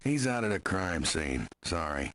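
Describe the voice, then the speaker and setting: Weary desk sergeant, gruff game cop, low husky voice, swinging intonation. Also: male voice, big pitch swings, unhurried, a bit bright, exaggerated voice. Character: weary gruff middle-aged New Orleans desk sergeant. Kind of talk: video game voice acting.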